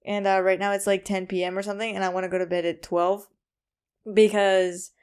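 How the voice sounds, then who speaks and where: Clear-voiced woman, casual rambling podcaster. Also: mid-range voice, flat delivery, fairly quick, darkish tone. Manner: rambling, loose and informal. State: tired. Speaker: podcast host. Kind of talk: casual solo podcast chat.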